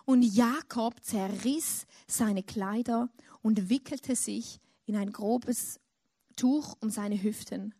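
High-voiced woman preaching slowly. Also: dark tone, no room sound, clean studio sound. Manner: storytelling, with dramatic emotional rises into imagined cries. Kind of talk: sermon.

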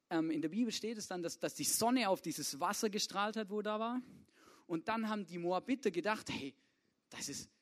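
A young man preaching a casual youth sermon, full of slang and often asking the listeners to agree. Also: high voice. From Swabia, Germany. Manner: casual, informal, keeps asking "oder?".

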